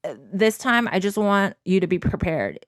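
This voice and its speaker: A woman's voice: mid-range voice, expressive, normal speed, no room sound, clean studio sound. A young woman telling a personal story casually and candidly as a co-host, with lots of informal filler words. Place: small bedroom, indoors. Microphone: handheld microphone.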